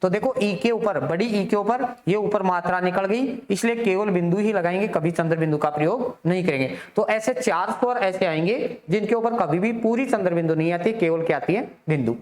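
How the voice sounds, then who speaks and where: A man's voice: high-pitched, a little mellow. A man teaching a grammar lesson for exam students. He asks the class questions, answers them himself, and repeats the key terms. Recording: echoey room.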